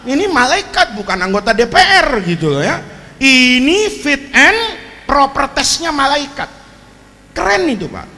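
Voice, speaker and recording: A man preaching a humorous sermon, telling stories with jokes and asides to the congregation. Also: extremely high pitch. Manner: animated storytelling with jokes, frequent asides to the audience. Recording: reverberant hall, faint ambient noise.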